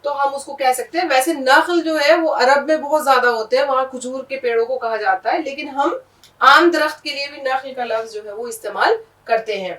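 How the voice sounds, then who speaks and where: A woman with a high voice teaches a language lesson, patiently spelling each word letter by letter and repeating it. She sounds distant from the mic. The room around her is echoey. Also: fairly bright tone. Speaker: Urdu teacher.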